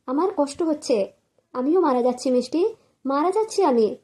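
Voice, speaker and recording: A woman voicing a grief-crazed young husband at a grave, pleading and shouting bitterly. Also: high voice, lively intonation, moderate pace. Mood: anguished.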